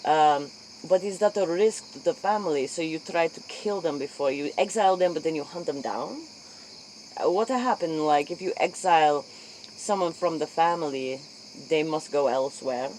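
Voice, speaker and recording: In a role-play spoof of a late-night interview, an inquisitive interviewer speaks foreign-sounding broken English in a mid-range, slightly mellow voice at normal speed. The recording is rough, with faint night-time insects audible behind.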